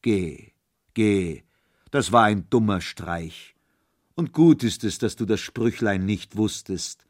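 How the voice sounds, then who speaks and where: A man voicing a giant, menacing forest spirit who talks loud and booming in a storybook reading. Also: animated, takes it slowly. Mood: coaxing. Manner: loud, booming, coaxing then threatening.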